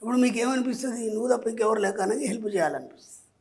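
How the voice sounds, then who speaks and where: A middle-aged man, a spiritual teacher, giving advice as a guest and telling lively stories that act out what people say. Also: extremely high pitch, very fast. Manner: lively storytelling, acting out quoted speech. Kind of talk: explanatory advice talk.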